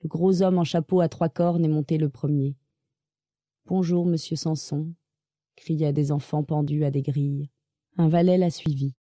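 A man reading a classic novel aloud in measured, sober first-person narration. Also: on the high side, steady tone, warm tone, no echo, studio quality.

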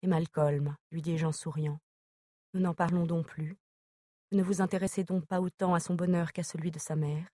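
Woman narrator, low voice, flat even delivery, dry close recording, audiobook reading. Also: normal speed, no echo. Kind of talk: scripted narration of a novel.

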